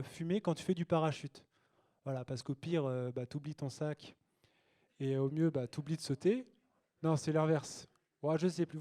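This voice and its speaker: A man's voice: on the high side, mellow. Cheeky young man doing stand-up. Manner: cheeky, chatty, loose delivery with fillers. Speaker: stand-up comedian. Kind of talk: stand-up routine. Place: small cabaret stage with a live audience.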